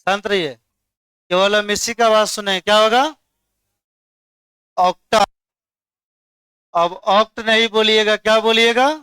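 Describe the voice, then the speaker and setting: A man's voice: high voice, fairly even intonation, takes it slowly, long pauses, sharp tone, clear, resonant tone, dry recording. A man teaching a chemistry class, coaxing students and quizzing them by name. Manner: coaxing, repeats "dekhiye" to hold attention, quizzes students. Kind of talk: classroom lecture.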